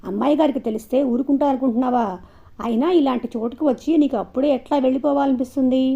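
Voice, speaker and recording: A woman's voice: sits high, fast, creaky, lo-fi sound. A woman voicing a chatty, gossipy young village woman in a storybook reading. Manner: lively gossiping, sometimes hushed.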